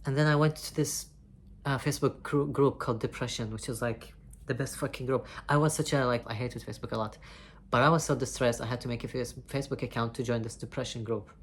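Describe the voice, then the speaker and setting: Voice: mid-range voice, steady tone, fast, a little hiss or hum. A person talking straight to camera in a candid confessional vlog, rambling and heartfelt, swearing freely and often restarting sentences. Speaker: vlogger.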